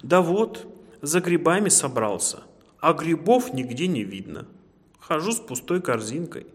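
A little hedgehog from a children's tale, friendly and a bit rueful, his voice lifted high, as a man puts him on. A light room reverb follows his words. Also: very animated, a little slow. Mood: chatty. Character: small friendly male hedgehog.

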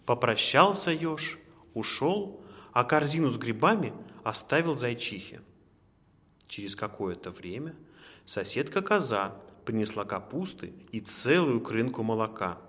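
Expressive male fairy-tale narrator. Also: mid-range voice, measured pace. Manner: expressive, lively storytelling. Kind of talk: storybook narration. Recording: echoey room reverb.

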